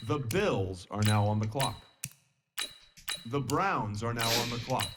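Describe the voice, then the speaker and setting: A man voicing a draft announcer in a football video game, making formulaic, measured calls in a formal style. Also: medium pitch, expressive, noisy background, lightly acted. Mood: formal announcing.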